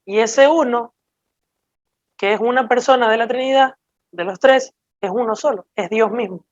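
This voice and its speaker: A woman preaching a sermon, teaching slowly and emphatically and checking in with her listeners as she explains scripture. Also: on the high side, no echo, lo-fi sound.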